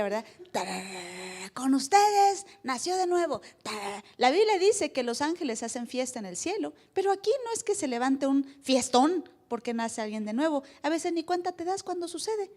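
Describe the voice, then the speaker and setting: High-voiced Mexican woman pastor preaching. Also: lively intonation, brisk, darkish tone. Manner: playful, asks the congregation questions, acts out little dialogues. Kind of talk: sermon. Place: church service before a congregation.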